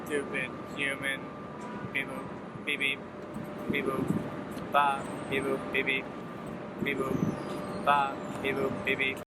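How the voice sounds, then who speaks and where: A man voicing a cold robot in a flat robot voice, talking down to humans with mechanical beeps. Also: medium pitch, slow, pauses often. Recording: loud outdoor traffic noise.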